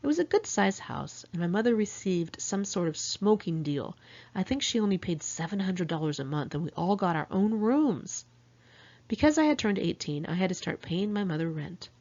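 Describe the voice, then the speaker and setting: The author, a middle-aged woman from California, United States, reads her memoir aloud in an animated, slightly mellow, lowish voice at a moderate pace. Her first-person, diary-like narration is candid and sardonically wry, though the highs are cut off.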